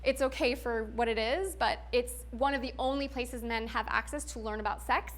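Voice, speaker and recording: A woman's voice: a little high, normal speed. A young adult woman giving a candid talk, frank and chatty, full of "like" and "um" fillers, laughing often.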